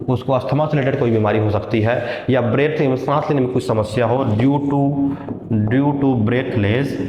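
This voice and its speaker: A man's voice: mid-range voice, background noise. A male teacher giving an exam-prep lecture in Hindi with a Chhattisgarh accent, repeating key terms, mixing in English words and asking questions that he answers himself. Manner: asks the class questions and answers them. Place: classroom. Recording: echoey lo-fi classroom recording.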